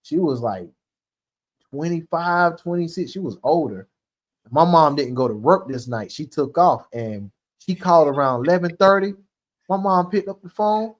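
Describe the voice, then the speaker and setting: Animated man telling stories, slightly high. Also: moderate pace. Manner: animated storyteller, acts out quotes, laughs often. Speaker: host. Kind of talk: casual chat.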